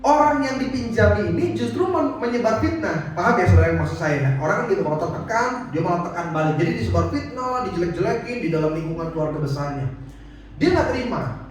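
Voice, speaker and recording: A male pastor preaching a sermon in a relaxed, storytelling way at a church service. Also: high-pitched, fast, a little hiss or hum. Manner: conversational storytelling, casual slang. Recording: echoey church hall, distant mic, music behind.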